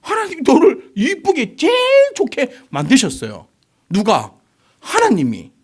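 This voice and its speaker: Forties male pastor, sermon delivery, rhetorical questions, voice swinging wildly high and low. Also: unhurried, husky. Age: 40s. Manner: animated, fires rhetorical questions at the congregation.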